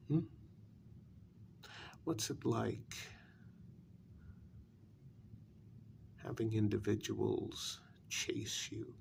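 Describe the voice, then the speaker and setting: Heavily acted, a lowish male voice with a little hiss or hum portrays a brooding, bitter kidnapper facing a captive demon in a soft ASMR role-play. He sounds probing and quietly curious, gravelly and breathy as he slips into whispers, speaking slowly and menacingly with long pauses.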